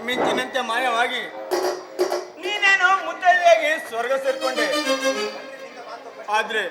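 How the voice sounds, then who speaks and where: Man doing a high-voiced grieving village-head father, declaiming, music behind. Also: expressive, unhurried. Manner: declamatory, mournful. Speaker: stage actor. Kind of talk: village stage play acting. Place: village play stage.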